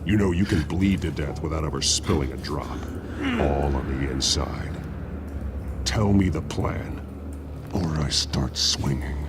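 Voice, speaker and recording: A man playing a grim, menacing masked vigilante detective in a video game, with a terse, gravelly growl. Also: extremely low pitch, measured pace, background noise. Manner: terse, clipped, threatening. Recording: loud game music behind the voice.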